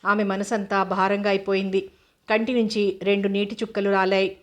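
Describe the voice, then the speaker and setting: A woman narrating an audio novel in a steady, even reading voice. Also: mid-range voice, normal speed.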